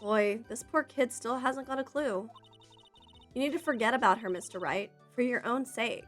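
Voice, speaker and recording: A woman reading a calm young lawyer. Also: a little high, normal speed, faint music behind, lightly acted.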